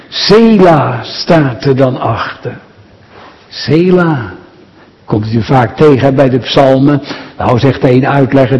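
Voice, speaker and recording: A pastor preaching a sermon, speaking slowly and with emphasis and addressing the congregation directly. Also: male voice, a little high. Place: church. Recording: dull sound with long church reverb.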